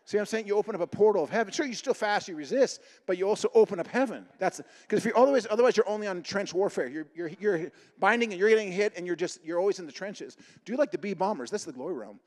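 A middle-aged man preaching a humorous sermon full of stories, acting out the dialogue in an animated way. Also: high-pitched, fast talker, hardly any pauses. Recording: echoing hall reverb.

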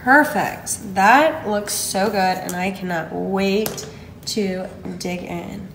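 A woman's voice: medium pitch, slow, vocal fry, fairly bright tone, reverberant, slight background noise, poor audio. A woman hosting a casual home cooking video, walking through each step and gushing over the food.

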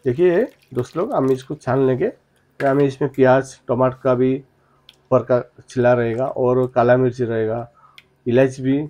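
A man's voice: mid-range voice, a little mellow, slightly rough. A man in his thirties, a cooking channel chef, talking viewers through a recipe step by step in a chatty, repetitive way, calling them friends. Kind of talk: cooking tutorial narration.

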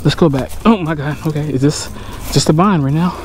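A fortysomething fishing vlogger hikes sandy scrubland trails, joking with viewers and calling them y'all, recorded on a chest-mounted action camera. His voice is fairly high and quick, with noise in the background.

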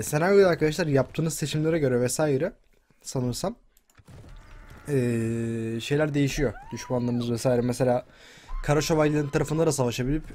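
A congested man from Turkey chats through his gameplay at a mid pitch, calling to his viewers and egging on enemies on screen. He sounds a little under the weather, and keyboard typing clicks now and then behind his desk microphone. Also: dark tone. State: sick, congested. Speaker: gameplay commentator. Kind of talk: casual gameplay commentary.

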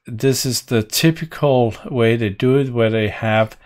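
Thinking aloud while typing, a middle-aged Danish man with a Danish accent walks viewers through code live from his home office for a programming tutorial. His mid-range voice is a little slow and slightly mellow, and keyboard clicks and typing are audible.

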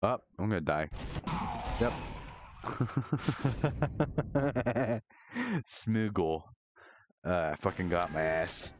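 A man streaming a shooter game live, commenting excitably, swearing a lot and rambling to his chat. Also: deep voice, a little slow, pauses often, background noise. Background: game music.

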